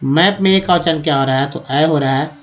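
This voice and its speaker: A man teaching English pronunciation, asking and answering his own questions in a steady drilling rhythm. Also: fairly high pitch, a little fast. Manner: addresses viewers as friends. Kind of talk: explaining with written examples on screen.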